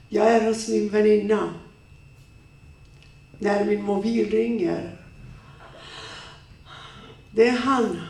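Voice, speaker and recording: A woman telling a harrowing first-person story as a dramatic monologue, slow and halting with intense repetitions. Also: mid-range voice, gravelly, a little mellow, reverberant, recorded from a distance.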